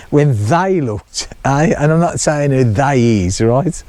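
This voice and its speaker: Outdoors on his chalet project, a middle-aged man rambles to camera, laughing a lot while describing the work. His mid-range voice has a dark tone, with no echo in the recording.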